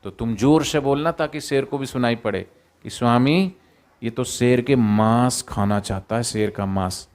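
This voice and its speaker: A cunning male jackal shouts his boasts slowly and deliberately, as a man telling a moral tale puts him on. The voice sits at an ordinary middle pitch but carries a loud, confident push meant to be overheard. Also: close to an everyday voice. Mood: scheming. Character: clever scheming male jackal, bold and boastful.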